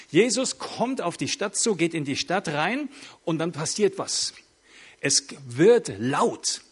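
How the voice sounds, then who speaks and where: Lively husky-voiced male preacher. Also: on the high side. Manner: lively storyteller, rhetorical questions to the audience. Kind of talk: sermon.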